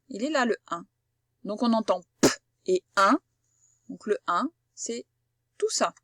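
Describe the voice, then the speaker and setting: A woman's voice: a little high, fairly bright tone, dry recording, clean studio sound. A woman giving a patient phonics lesson to a child, sounding out each word with care. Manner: slow, patient, carefully articulated explanation. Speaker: primary school teacher.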